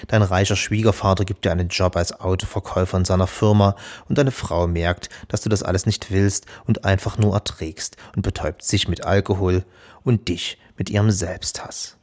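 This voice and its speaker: A man's voice: sits low, fairly even intonation, fairly quick, few pauses, a little mellow. A man giving a reflective, scripted commentary that introduces a novel. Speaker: book presenter.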